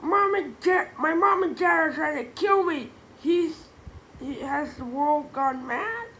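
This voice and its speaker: A frantic, panicked man, voiced by a woman reading aloud, shouts high and breathless in a storybook reading. His pitch leaps all over the place, and a faint hiss sits under the voice. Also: animated, slow, heavily acted. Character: frantic panicked man begging boys for help.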